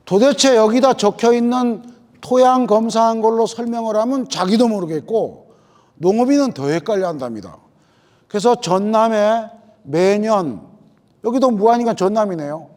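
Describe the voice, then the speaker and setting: A middle-aged man teaches a room of farmers in a folksy, storytelling way. His voice sits high and swings widely up and down as he acts out the people in his anecdotes. He sounds like he is speaking in a lecture hall. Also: expressive, moderate pace, a little mellow. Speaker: agricultural lecturer.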